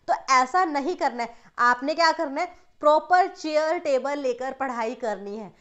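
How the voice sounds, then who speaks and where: A young woman giving a motivational study lesson to students, talking to them directly and mixing English terms into her Hindi. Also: sits high. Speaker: study coach.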